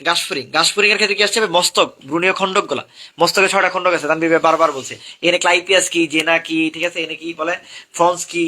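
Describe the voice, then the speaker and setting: A man's voice: on the high side, steady tone, very fast, sharp tone. A young man, coaching students for an admission exam in a live class, drilling topics over and over.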